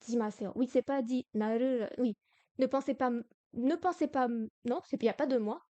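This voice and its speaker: A woman teaching a beginner Korean lesson in French on a live stream, explaining slowly, repeating words and correcting herself. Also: a little high, mellow, no echo, muffled recording.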